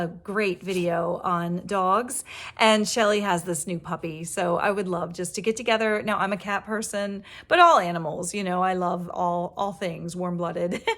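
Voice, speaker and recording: Chatty middle-aged woman vlogging about books. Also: medium pitch. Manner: chatty, warm, many fillers and restarts. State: tired after a workday. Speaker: book vlogger and reading teacher. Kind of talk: casual chat to camera.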